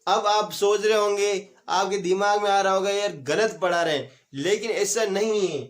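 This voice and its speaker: A man teaching an English grammar lesson online, explaining step by step, asking questions and answering them himself. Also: sits high. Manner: repeats key examples slowly for note-taking.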